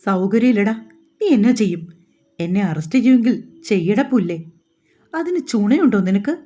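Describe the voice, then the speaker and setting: A woman's voice: medium pitch, lively intonation, moderate pace, warm tone, dull audio, natural voice. A woman reading a stubborn, domineering man. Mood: stern.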